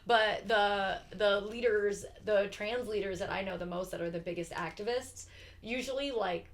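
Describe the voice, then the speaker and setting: A young woman from Philadelphia chats as a podcast guest. She rambles animatedly, full of fillers and restarts, in a medium-pitched voice. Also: moderate pace. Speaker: podcast guest, actor and writer. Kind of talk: casual conversation.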